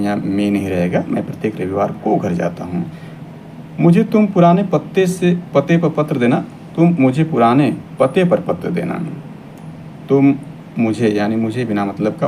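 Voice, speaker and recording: Man, grammar teacher, exam-prep lesson, mellow dark tone, faint hiss behind, reads example then restates it corrected. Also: mid-range voice, animated, moderate pace.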